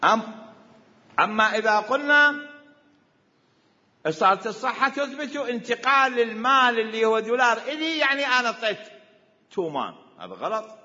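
A man's voice: very high voice, a little fast, long pauses, pushed and bright. A man with an Iraqi accent giving a seminary lecture on Islamic law, questioning and repeating his points for emphasis. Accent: Iraqi Arabic. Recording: echoey hall, dull lo-fi sound.

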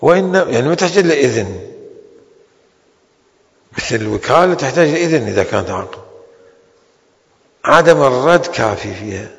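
A man teaching a seminary law lecture. He stretches out key terms slowly and then rushes through quick asides. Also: mid-range voice, animated, gravelly. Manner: slow, drawn-out stresses on key terms with sudden quick asides. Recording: long hall reverb.

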